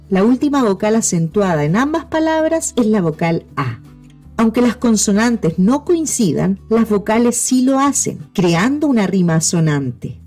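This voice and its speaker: Lively teacher woman explaining step by step. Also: medium pitch. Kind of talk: scripted lesson narration.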